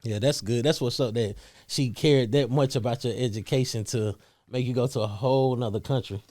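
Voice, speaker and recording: A man's voice: medium pitch, brisk, darkish tone, no echo, clean studio sound. Laid-back slangy man hosting a podcast. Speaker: podcast host. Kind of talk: casual interview chat.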